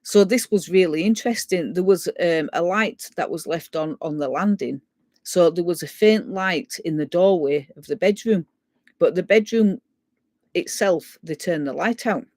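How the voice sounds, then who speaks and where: A woman's voice: fairly low pitch, normal speed, a little mellow, no echo. Woman telling a ghost story. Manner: clears throat often, acts out quoted voices. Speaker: guest storyteller. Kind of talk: casual spoken ghost story.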